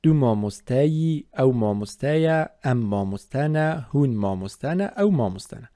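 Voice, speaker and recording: A male teacher takes his listeners through a grammar review at a steady, methodical pace, listing each form one by one. His voice is warm and mellow, with a middling pitch. It is recorded close and dry, with no room sound. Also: no echo. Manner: methodical, repeats and spells out word forms. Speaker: language teacher. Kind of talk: explanatory grammar lesson.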